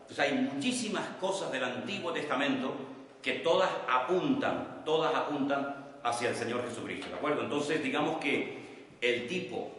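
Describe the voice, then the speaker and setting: A man from teaching a Bible study class as pastor, speaking slowly and repeating key terms so his students can note them down. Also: medium pitch, lively intonation, a bit bright, slight background noise. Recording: echoey hall, voice from far off the mic.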